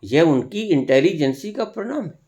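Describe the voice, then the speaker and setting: A man giving a spiritual discourse as a teacher, speaking deliberately with long pauses and sometimes scolding his listeners with rhetorical questions. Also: on the high side, very animated, a little mellow.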